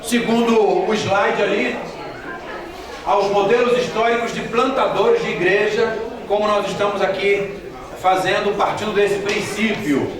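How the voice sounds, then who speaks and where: A man's voice: high voice, steady tone, measured pace, crowd noise. A man, a missionary giving a church training talk with humorous anecdotes, joking and asking the audience questions directly. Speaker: missionary speaker. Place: large hall with a live audience. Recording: echoey hall from far off, audience audible.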